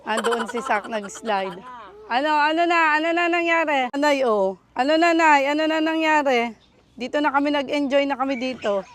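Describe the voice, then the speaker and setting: Brief: chatty, upbeat female vlogger, fairly high voice, outdoors on a handheld phone. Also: moderate pace, slight background noise. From Philippines. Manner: chatty, upbeat, often laughing. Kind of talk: casual vlog tour. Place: outdoor farm.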